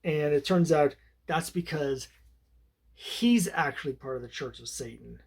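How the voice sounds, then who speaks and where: A man's voice: on the high side, measured pace, vocal fry, slightly rough. Rambling, conversational male comic reviewer. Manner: rambling and conversational, with many fillers and restarts. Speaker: comic book collector and reviewer. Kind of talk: casual comic book review.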